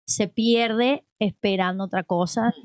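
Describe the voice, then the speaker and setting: A chatty woman with a medium-pitched voice and measured pace muses on faith in a casual religious conversation. She's animated and rambling, frequently saying "o sea" and "¿ok?".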